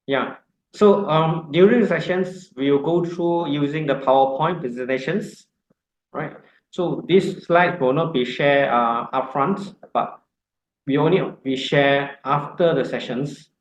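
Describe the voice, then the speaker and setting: A man leading an online course orientation, talking haltingly with many ums and uhs. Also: on the high side, echoey room, low-quality recording. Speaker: course instructor.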